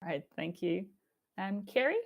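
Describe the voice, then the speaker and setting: A woman's voice: medium pitch, animated, normal speed, vocal fry. A woman chairing an online event in a semi-formal way, speaking over a video call. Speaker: chair and host.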